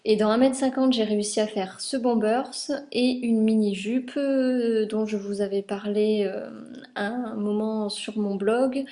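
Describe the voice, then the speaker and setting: Showing details of garments she sewed, a young woman from France talks in a relaxed way, dropping in lots of fillers. Her warm voice is medium in pitch and fairly even, and she speaks a little slowly. She's a sewing vlogger having a casual chat.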